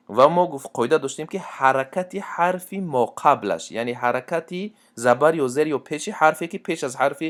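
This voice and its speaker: A man teaching Quran recitation rules, explaining step by step and reciting verse examples. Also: mid-range voice. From Tajikistan. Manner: plain explanatory talk, repeats and restarts, then slow drawn-out chanted recitation.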